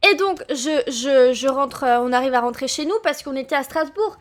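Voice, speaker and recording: A young woman streamer telling a long mishap story to her chat, excitable, swearing and laughing as she goes. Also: sits high, moderate pace.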